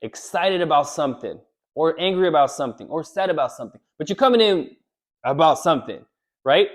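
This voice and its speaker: Man, relationship coach, fairly high voice, animated advice talk, acts out quotes. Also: brisk. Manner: animated, repeats "right?", acts out quoted lines. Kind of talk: direct-to-camera advice talk.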